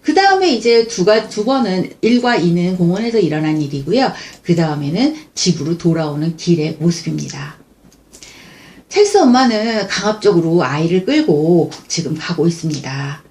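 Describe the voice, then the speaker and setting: A woman's voice: fairly low pitch, moderate pace. A woman teaching a picture book lesson, asking her listeners questions, often restarting words and acting out short quoted lines. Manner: lively explanatory talk with frequent self-corrections.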